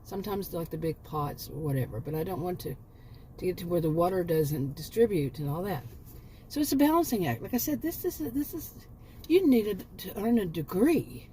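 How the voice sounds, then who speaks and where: A woman's voice: on the low side, sing-song, normal speed, warm tone, slight background noise. A woman in her late fifties chatting casually in a rambling vlog, often correcting herself and chuckling at her own asides. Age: 50s. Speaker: homemaking vlogger.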